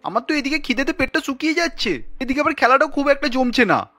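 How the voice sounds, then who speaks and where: A woman's voice: sits high, sing-song, fast, pushed and bright, soft background music, exaggerated voice. A woman voicing a hungry, demanding family member in a cartoon, asking for snacks during a match.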